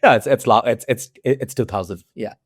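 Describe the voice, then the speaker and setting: A man, a guest in an interview, talking haltingly with many fillers and restarts. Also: medium pitch, no echo, studio quality. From India. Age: 40s. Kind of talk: interview conversation.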